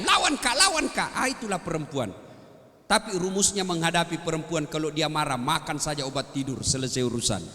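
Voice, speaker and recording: Man, humorous sermon, acts out voices, high voice, long hall echo. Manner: storytelling, acts out voices, swings from loud to quiet. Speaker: preacher. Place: large hall at a religious gathering.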